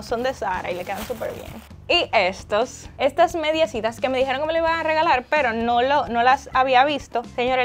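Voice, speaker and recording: A woman, chatting casually in a vlog as a mother. She gushes and squeals over cute things and drops English words into her speech. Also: on the high side. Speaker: mother unboxing birthday gifts.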